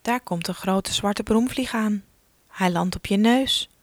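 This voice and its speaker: A woman leading a guided relaxation exercise for children, giving slow, soothing instructions that often drop to a soft whisper. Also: medium pitch, dry recording, clean studio sound.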